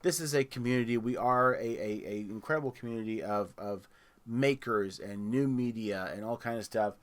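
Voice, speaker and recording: A man's voice: medium pitch, normal speed. A man hosting a gaming community podcast, chatting casually, rambling and restarting his words as he plugs the show. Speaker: podcast host.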